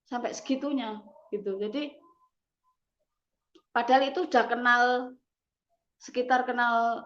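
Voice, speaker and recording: Woman, personal testimony: halting, emotional, slightly high voice, muffled lo-fi audio. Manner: halting, emotional, frequent "gitu loh". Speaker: testimony giver.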